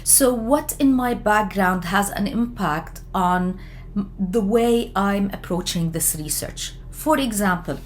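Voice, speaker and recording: A woman from Lebanon giving an explanatory lecture on research methods, talking in a measured way with frequent fillers and self-corrections. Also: medium pitch, slight background noise. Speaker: education lecturer.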